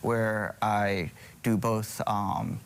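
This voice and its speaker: A man's voice: fairly low pitch, flat delivery, very slow, smooth. A middle-aged man from Hawaii, a surgeon guest on a morning TV show, speaking hesitantly with many ums and restarts.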